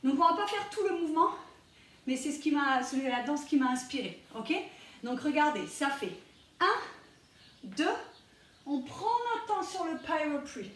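A woman's voice: high voice, expressive, normal speed. A woman teaching a dance routine, counting beats aloud and scatting the rhythm, with English cues mixed into her French. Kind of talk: dance tutorial, counting steps. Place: dance studio. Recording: roomy, distant camera sound with music. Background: dancehall music.

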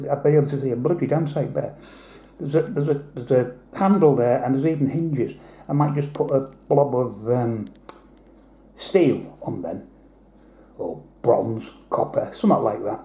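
Guy talking through his model painting, super dark tone, kinda echoey room. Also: medium pitch. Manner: chatty, rambling, explains step by step. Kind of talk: hobby tutorial talk. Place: indoor hobby desk.

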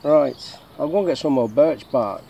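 A middle-aged Englishman with a medium-pitched, animated, creaky voice and dark tone speaks at a normal pace, joking and chatting as he shows off his bushcraft gear at a woodland camp, posing questions to himself and then answering them. He's a bushcraft vlogger doing a casual demonstration, recorded on an action camera worn on his chest or set on a tripod, with birdsong and faint outdoor noise around him.

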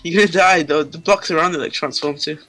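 A man's voice: a little high, quick pace, pushed and bright, faint music behind, rough recording. Laid-back man joking over game chat. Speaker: gaming friend.

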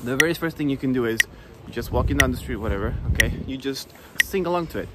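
Heavy background noise surrounds this saxophone teacher in his thirties as he walks in the rain, phone held at arm's length. He talks fast and animated in a mid-range voice, keeping the casual lesson chatty and upbeat with plenty of "okay?"

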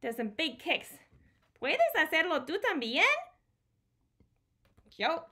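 A woman leads storytime for small children at home, singing and reading aloud in a fairly high voice at a very slow pace. Animated and teacherly, she repeats simple phrases and switches between Spanish and English. A device mic captured her in a small room.

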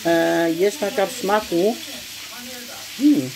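A man's voice: high voice, slow, gravelly, crowd noise, rough recording. A man vlogger chatting to his viewers about the food while his mouth is full of food. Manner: chatty, addresses viewers directly. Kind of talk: casual food-tasting commentary to viewers.

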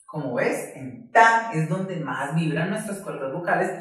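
A primary school teacher giving a virtual class to young children, patient and slow, stretching out each word syllable by syllable. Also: medium pitch, expressive, a bit bright. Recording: very echoey room, voice far from mic.

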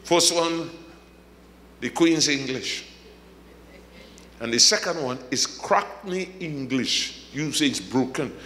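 A man preaching a sermon as a pastor, from the Caribbean, swinging from shouted high points to humorous asides. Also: expressive, takes it slowly, long pauses, echoey room, big-room sound, a little hiss or hum.

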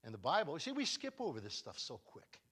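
A man preaching a sermon in an animated storytelling manner, his voice sitting a little high and leaping up and down in pitch. He swings between loud, driving moments and hushed passages as he tells the story. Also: fast talker, husky. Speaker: guest pastor.

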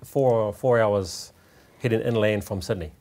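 A man, a guest in a studio interview, talking earnestly and haltingly with restarts. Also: on the low side, a little mellow. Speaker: guest, tribute singer. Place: small TV studio set.

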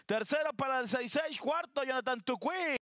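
A man working as a race caller, giving excited, insistent commentary on horse races. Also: very high-pitched, normal speed, dry recording, clean studio sound. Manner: excited, insistent calling of the action.

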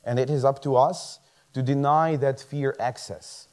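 A man's voice: medium pitch, fairly even intonation, a little slow, a little mellow. A man, a medical student giving a motivational talk on a large theater stage. He speaks earnestly, chuckles often and restarts words. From Croatia. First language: Croatian. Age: 30s.

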